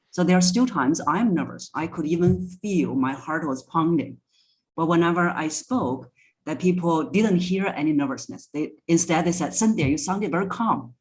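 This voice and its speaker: A woman appears as a guest voice coach on a podcast interview, explaining things deliberately and instructively while stressing key words. Her voice sits low and a little mellow, and the recording is rough.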